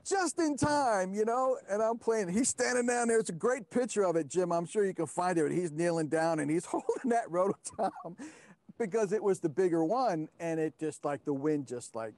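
A man's voice: high-pitched, moderate pace. A man in his fifties, a former drum line member, animatedly telling stories in a casual reunion chat. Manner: animated storyteller, acts out shouting.

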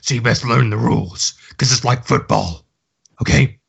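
A man's voice: normal speed, vocal fry, a bit bright, slightly rough, full character voice. A man voicing a stern masked hero who talks through a voice changer and scolds a teammate. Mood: scolding. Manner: scolding, lecturing. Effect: voice changer, lowered voice. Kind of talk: in-character tabletop roleplay.

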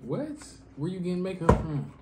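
A young man talks casually as he eats, hosting a family vlog. His phrasing is colloquial and lightly teasing, aimed at a child. There is clear noise behind his voice. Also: high-pitched, normal speed, dark tone. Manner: eating while talking. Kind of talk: casual chat.

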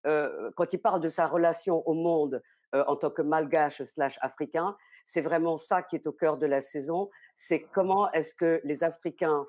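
A middle-aged woman, the general commissioner of an arts season, answering interview questions over a video call from a study, measured and full of hesitations. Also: deep voice, a little mellow. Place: study with bookshelves.

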